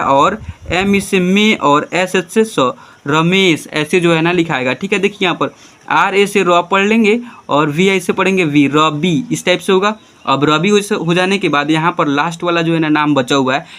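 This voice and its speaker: Male tutor, high pitched, patient step-by-step teaching manner. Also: fairly bright tone. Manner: spells names out letter by letter, patient; keeps prompting "ठीक है, देखिए". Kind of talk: classroom-style tutorial.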